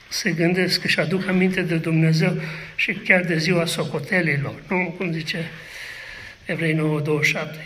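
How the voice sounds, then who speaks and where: A man's voice: a little high, pushed and bright, a little hiss or hum, poor audio. A man preaching a sermon, asking rhetorical questions and speaking aloud to God.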